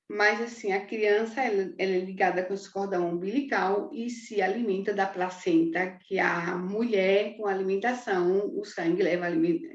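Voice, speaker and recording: A woman with a Brazilian Portuguese accent moderating a podcast, asking questions hesitantly and correcting herself as she goes. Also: mid-range voice. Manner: hesitant, self-correcting questions with many restarts. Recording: roomy, dull lo-fi recording.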